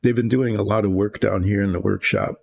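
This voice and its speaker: An older man hosting a relaxed painting show, rambling and thinking aloud from his workshop as he works. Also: lowish voice, a little fast, creaky. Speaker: hobby painting host. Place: home workshop.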